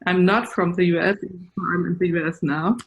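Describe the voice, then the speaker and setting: A woman's voice: on the low side, fairly even intonation, moderate pace, muffled recording. A woman with a German accent chairing an online research meeting over a video call, explaining ideas earnestly with small restarts. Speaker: session chair, research professor.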